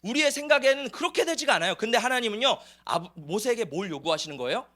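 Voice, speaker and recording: A man's voice: very high voice, animated, fast talker, a bit bright. A man preaching a sermon to his church, asking the congregation rhetorical questions. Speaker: pastor. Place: church sanctuary.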